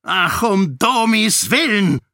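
A man's voice: a little high, sing-song, takes it slowly, no room sound, studio quality, voice pushed up, full character voice. A man playing a blustering irritable old king. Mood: exasperated. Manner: exasperated, shouting.

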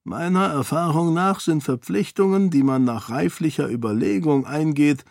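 A man voicing an older duke in an audiobook, gruff and measured in his speech. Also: fairly high pitch, a little mellow, no echo, studio quality, voice pushed up. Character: older duke, gruff self-styled old bear. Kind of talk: audiobook character voice.

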